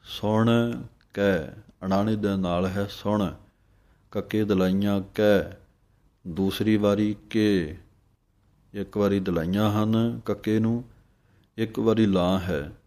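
A man teaching scripture pronunciation, reciting verses slowly and deliberately, then explaining each letter and vowel mark. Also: on the low side, dark tone. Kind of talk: pronunciation lesson with slow drawn-out recitation.

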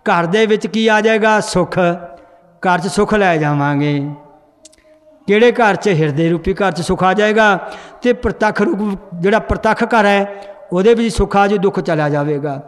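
A man's voice: sits high, normal speed, long reverb tail. A man teaching a group how to read and understand scripture, quizzing the class and then answering himself. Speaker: Gurbani grammar teacher.

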